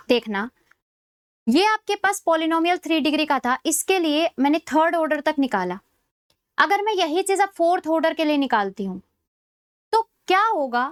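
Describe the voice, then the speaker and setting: A woman lecturing on maths for exam preparation. She explains step by step, often checking that students follow, and slows right down to dictate formulas. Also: high voice, dry recording, studio quality.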